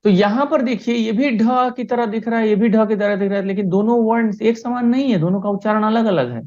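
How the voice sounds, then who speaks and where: A man's voice: sits high, a little fast, a little mellow. Patient teacher man on a lo-fi video call. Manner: patient, keeps checking understanding. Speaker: primary school teacher. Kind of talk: online class lesson.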